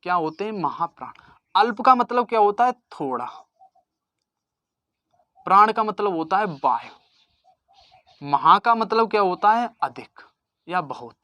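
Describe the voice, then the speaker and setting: A teacher giving an exam-prep grammar lesson, repeatedly asking a question and then answering it in a lower, softer voice. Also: big pitch swings, a little slow, pauses often, no room sound.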